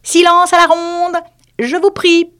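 A woman doing a high, pompous little mouse. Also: completely flat delivery, takes it slowly, fairly bright tone, heavily acted. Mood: pompous, prickly. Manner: self-important storyteller, prickly. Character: small, pompous, touchy female mouse. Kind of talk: audiobook character voice.

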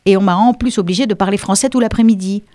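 A woman's voice: mid-range voice, fast talker, dark tone, dry recording, studio quality, lightly acted. A woman voicing a precocious, self-assured English schoolgirl who speaks in a prim, articulate way, in an audiobook reading.

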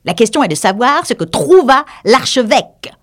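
A woman's voice: a little high, big pitch swings, moderate pace, a bit bright, voice pushed up. A woman voicing a blunt, literal-minded duck in an audiobook reading. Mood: matter-of-fact. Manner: matter-of-fact, literal.

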